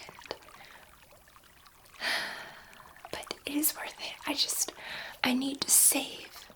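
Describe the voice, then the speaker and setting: A woman whispers in an ASMR sci-fi roleplay as a gentle alien scientist, speaking tenderly and reassuringly with halting pauses. Her soft, breathy voice is high, and she sounds awed and earnest.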